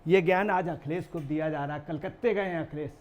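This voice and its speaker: Male commentator, high voice, emphatic rhetorical delivery, mocking tone. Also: brisk, a little mellow. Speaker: political news commentator. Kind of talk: heated political commentary.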